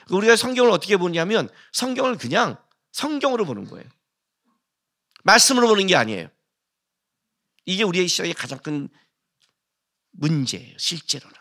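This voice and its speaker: A middle-aged man preaching a sermon in a church, in a lively conversational way, acting out quotes. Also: high-pitched. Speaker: pastor. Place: church sanctuary.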